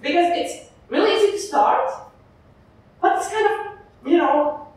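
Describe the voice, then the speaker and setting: A woman's voice: very high voice, a little slow, distant mic, slight background noise. Young Latvian woman in echoey lecture hall. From eastern Latvia. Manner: chatty, frequent "uh" fillers, animated. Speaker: conference speaker. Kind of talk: conference talk. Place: large lecture hall with audience. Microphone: far camera in the audience.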